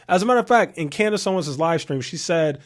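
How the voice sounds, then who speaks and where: A thirty-year-old man talks straight to his audience in a casual commentary, leaning on rhetorical questions and repeating key points for emphasis. His voice sits a little higher than most men's. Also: animated, fast. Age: 30s. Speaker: commentary channel host.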